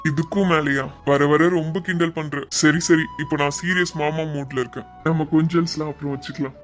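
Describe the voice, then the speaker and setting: A man's voice: on the high side, fairly even intonation, brisk, faint music behind, natural voice. A man voicing a doting young husband in a cartoon, speaking in an affectionate, teasing way.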